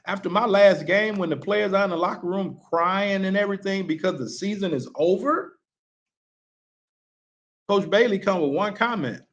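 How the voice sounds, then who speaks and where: Emphatic basketball coach with a higher voice. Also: male voice, moderate pace, highs cut off. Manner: emphatic, repeats rhetorical questions; casual, colloquial phrasing. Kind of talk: motivational talk to sports parents.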